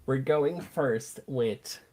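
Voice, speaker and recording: A co-host and convention artist, gushing fondly and telling stories in casual podcast chat. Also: mid-range voice. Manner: slow, warm-hearted, gushing storyteller.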